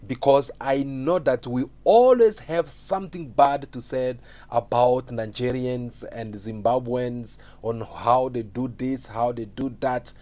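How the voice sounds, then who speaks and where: A man's voice: medium pitch, slow, hardly any pauses, mellow. A man speaks straight to his viewers in a mid-range voice. He wraps up a clip and asks them what they think of it. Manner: questioning the audience. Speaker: video narrator. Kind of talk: direct-to-viewer commentary.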